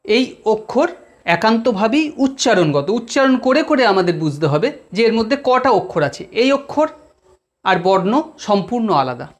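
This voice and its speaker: A Bengali grammar teacher with a West Bengal accent, giving an exam-prep lesson in a deliberate way, repeating key terms and speaking straight to the students. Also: mid-range voice, sing-song.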